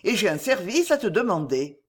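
Relaxed, teasing well-off gentleman read by a narrator, storybook audiobook. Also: mid-range voice, moderate pace, slightly rough. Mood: calm. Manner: calm, easygoing. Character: wealthy whimsical gentleman, calm and teasing. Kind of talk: audiobook reading.

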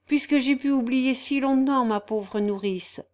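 A woman reading a novel aloud voices a gentle, remorseful young nobleman who speaks in a measured, formal way. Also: sits high, pitched above the performer's own voice. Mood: tender. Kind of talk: audiobook character voice.

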